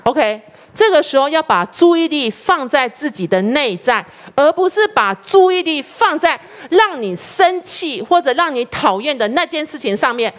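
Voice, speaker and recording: A woman's voice: high-pitched, normal speed. A middle-aged woman preacher, delivering a sermon and asking the congregation questions. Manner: animated, rhetorical questions to the congregation.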